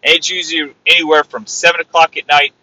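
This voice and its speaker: A man preaches on his own podcast in a bright, ringing voice pitched a little high. He repeats his phrases like a preacher and now and then rises to loud exclamations. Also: level tone, quick pace, rough recording. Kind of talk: informal sermon.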